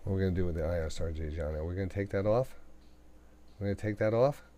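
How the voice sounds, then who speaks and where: A man's voice: low-pitched, racing, warm tone. A man with a New York accent hosting live day trading commentary, thinking aloud and talking to the market and to himself. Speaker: day trading radio host.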